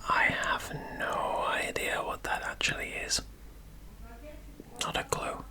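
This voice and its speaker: On his girlfriend's ASMR channel, a guest from England does the accent tag in a whisper, his accent a mix of English and Welsh. He sounds hesitant and soft, stopping frequently.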